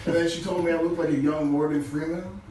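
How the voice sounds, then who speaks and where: Man doing crude stand-up on a muffled, low-quality stream. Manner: casual, crude, chuckles at his own jokes. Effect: low-quality stream audio. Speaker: stand-up comedian. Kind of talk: stand-up comedy set. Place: small comedy club stage. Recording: echoey low-quality stream from far off with noise.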